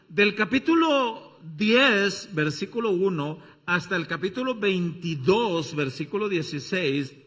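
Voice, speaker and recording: A man preaching a sermon as pastor, talking straight to the congregation and acting out little scenes with shouted voices. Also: on the high side. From Mexico. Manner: animated, acts out everyday scenes with shouted voices; addresses the congregation directly with questions.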